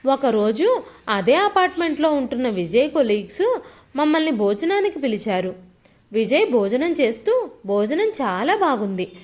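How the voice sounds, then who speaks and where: Female storyteller, first-person narration, lively pitch, slightly high voice. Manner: expressive, voices quoted lines with pitch shifts.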